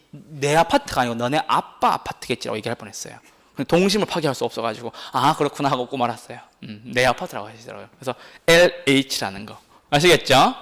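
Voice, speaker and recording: A man teaching a real estate exam class, lively and teasing as he keeps putting questions to his students. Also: mid-range voice. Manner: animated, teasing, asks the class many questions.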